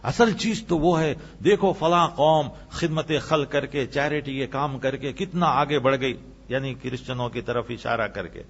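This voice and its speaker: A male Islamic preacher giving an impassioned sermon, rising to emphatic peaks and then dropping low. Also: lo-fi sound.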